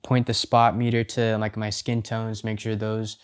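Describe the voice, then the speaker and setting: A man's voice: on the low side, completely flat delivery, moderate pace, clean tone. A man giving a casual, conversational camera review, his voice affected by being sick. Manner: informal, conversational.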